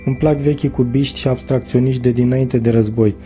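A reserved middle-aged businessman answers in short, polite, guarded phrases, his voice dark and mellow, read by a man narrating an audiobook. Soft music plays faintly behind. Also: medium pitch, fairly even intonation, lightly acted.

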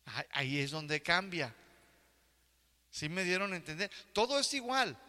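A man's voice: high voice, very animated, normal speed, bright, forceful tone, big-room sound. An older man preaching a sermon as pastor, often checking that the congregation is following along. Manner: asks the congregation for agreement.

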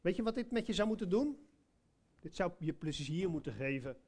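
A man's voice: sits high, animated, normal speed, darkish tone. A man preaching a sermon, telling a personal story in a conversational way, with many hesitations and direct questions to listeners.

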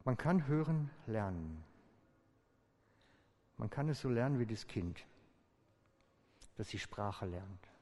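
A man preaching a sermon as pastor, calm and inviting, slowing down with deliberate pauses. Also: fairly low pitch. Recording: long church-hall reverb.

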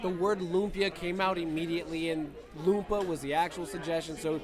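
A man's voice: fairly high pitch, steady tone, brisk, music in the background. A man, an improv performer, talking in a casual chat about a show, explaining things in detail.

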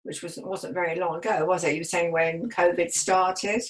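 Woman, radio host, chatty, a bit low-pitched. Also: steady tone, normal speed, low-quality recording. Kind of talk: casual chat.

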